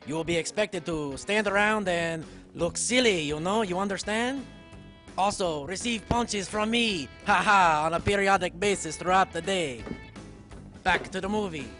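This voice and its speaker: A man doing a bossy, mock-threatening boss in a high, bright, pushy voice. He drawls his orders and chuckles at his own threats, with light music behind him. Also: measured pace. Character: bossy male boss of the staff.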